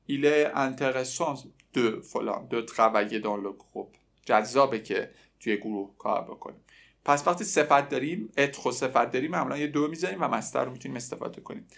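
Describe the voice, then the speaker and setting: A man's voice: mid-range voice, creaky. Man teaching French. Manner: explains in Persian, then repeats French phrases slowly. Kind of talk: casual language lesson.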